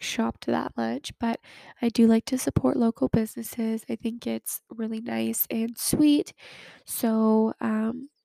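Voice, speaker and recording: A young woman in her twenties hosts a casual chat podcast, chatty and full of fillers, sounding nasal as she recovers from a cold. Her voice is on the high side, warm, with vocal fry. There is no room sound.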